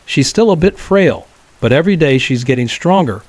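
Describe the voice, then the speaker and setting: A man telling a true horror story as scripted narration, in a calm, measured way. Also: fairly high pitch, no room sound.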